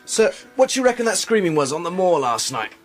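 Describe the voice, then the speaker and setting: A meek, eager young constable. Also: male voice, high-pitched, very animated, fast, faint music behind. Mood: dutiful. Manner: dutiful, apologetic. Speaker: police constable. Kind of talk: radio drama acting.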